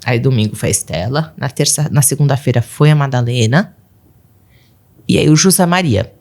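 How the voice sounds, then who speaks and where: Animated woman telling family stories. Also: very deep voice, normal speed. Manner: animated, acts out her children's voices, laughs often. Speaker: podcast guest, mother of twelve. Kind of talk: casual storytelling interview.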